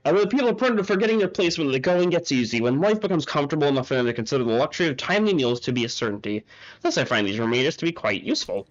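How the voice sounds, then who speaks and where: A man's voice: on the high side, very animated, very fast. A man voicing a cold, condescending male researcher who talks in a formal, lecturing way, heard on muffled audio with faint game music.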